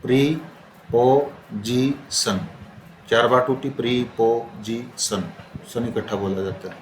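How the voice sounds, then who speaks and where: A man's voice: fairly low pitch, steady tone. Male teacher drilling grammar in an echoey room. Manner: repeats and drills words slowly, quizzing students. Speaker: English teacher. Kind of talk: classroom grammar lesson. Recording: roomy classroom with faint noise.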